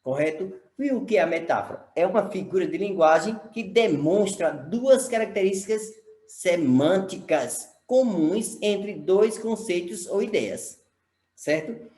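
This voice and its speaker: A Brazilian man teaches a lesson on camera, spelling words out letter by letter and checking in with the class. His voice sits on the higher side for a man. The room around him adds a noticeable echo. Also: expressive, measured pace, warm tone. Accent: Brazilian Portuguese. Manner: explanatory, spells words out, checks understanding with "correto?". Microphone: camera mic. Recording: echoey room.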